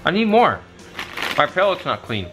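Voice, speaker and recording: Playful man with lively, swooping pitch. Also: normal speed, faint music behind, poor audio. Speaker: vlog co-host doing a taste test. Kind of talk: casual chat. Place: living room couch, indoors. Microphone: camera at arm's length.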